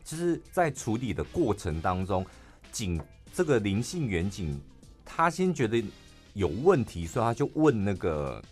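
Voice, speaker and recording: Chatty Taiwanese man with lively pitch. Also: a little slow, soft background music. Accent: Taiwanese Mandarin. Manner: chatty, frequent filler particles, animated retelling. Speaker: podcast co-host. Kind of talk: casual chat retelling a news story.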